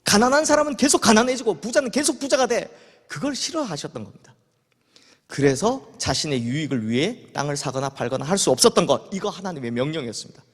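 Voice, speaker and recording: Animated Korean pastor in a reverberant church. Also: male voice, fairly high pitch, quick pace, breathy edge. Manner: animated storytelling, acting out quoted voices. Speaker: senior pastor. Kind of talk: sermon. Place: church sanctuary. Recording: long church hall reverb.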